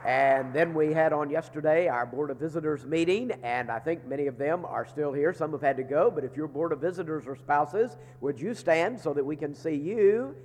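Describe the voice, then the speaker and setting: A man's voice: fairly high pitch, normal speed, few pauses, a little mellow, slight background noise. Give me a congested man who sounds like he's inside a barrel, in a big echoey chapel. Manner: folksy and joking, with frequent "uh" fillers. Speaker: seminary leader giving chapel announcements. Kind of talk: chapel announcements to students. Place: large chapel. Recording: echoey chapel hall with long reverb.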